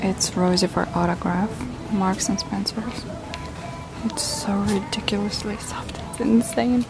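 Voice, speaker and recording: A young woman talks into a handheld camera as she browses shops and strolls city streets, gushing excitedly over each find. Her voice has a gravelly fry and she speaks slowly. Music plays clearly behind her. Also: mid-range voice, poor audio. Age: young adult. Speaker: vlogger. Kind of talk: casual vlog narration. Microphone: handheld camera mic.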